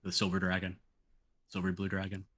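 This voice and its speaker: A man's voice: low-pitched, completely flat delivery, a little fast, a bit bright, husky. A man chatting casually as a tabletop game player, often repeating himself mid-sentence.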